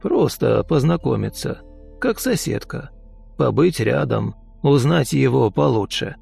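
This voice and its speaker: Calm old taxi driver, read by a man. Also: mid-range voice, creaky, slightly rough, soft background music, exaggerated voice. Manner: slow, even, gently insistent.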